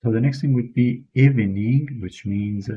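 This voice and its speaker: A man teaching a beginner language lesson, patiently repeating words slowly and praising the learner as he goes. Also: medium pitch, warm tone, breathy edge, highs cut off. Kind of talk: slow spoken language lesson.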